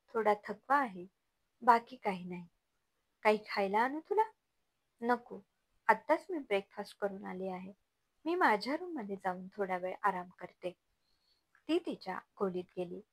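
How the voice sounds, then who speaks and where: A woman's voice: mid-range voice, lively intonation, measured pace, pauses often. A woman narrating a family love story and voicing every character, giving the dialogue emotion as she reads. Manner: voices each character in turn with emotional dialogue. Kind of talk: dramatized story reading, voicing all characters.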